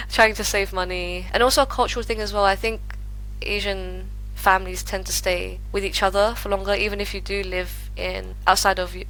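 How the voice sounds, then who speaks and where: A young woman with a British accent, chatting as an interview guest, talking quickly with many fillers and frequent laughs. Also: medium pitch, steady tone, pushed and bright, a little hiss or hum, poor audio. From United Kingdom. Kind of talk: casual interview chat.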